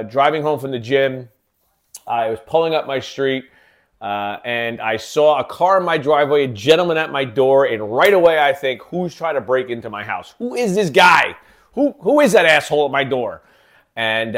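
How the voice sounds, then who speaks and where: Man rambling on his own podcast, chatty, lots of ums, normal middle pitch. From living in Kansas City. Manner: rambling, many fillers and restarts. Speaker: podcast host. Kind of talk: casual solo podcast talk.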